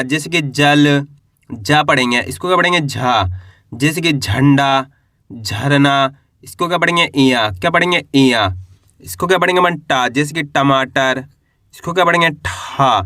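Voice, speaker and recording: A man teaching the Hindi alphabet, asking the learner to repeat each sound and drawing the syllables out slowly. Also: on the high side, bright, forceful tone, dry recording, studio quality. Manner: stretches vowels and syllables in drawn-out teaching pronunciation. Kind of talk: alphabet lesson with call-and-response drills.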